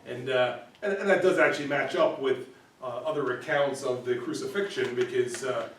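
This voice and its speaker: A man's voice: mid-range voice, moderate pace, slight background noise. Man teaching Bible study in an echoey room. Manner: conversational, repeats words, often asks "right?". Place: church room. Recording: roomy echo, recorded from far off.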